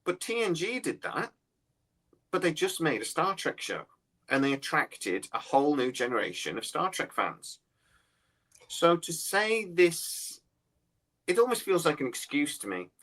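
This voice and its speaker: A man's voice: a little high, very animated, measured pace, fairly bright tone. Blunt man in his forties. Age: 40s. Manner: blunt and scornful, often repeats words and restarts. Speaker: podcast co-host. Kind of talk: casual opinionated chat.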